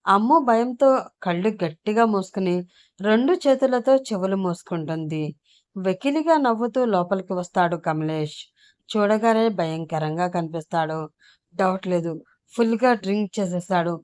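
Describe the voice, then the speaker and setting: A woman's voice: medium pitch, moderate pace, a little mellow, no echo. Woman narrating a serial story, dry sound.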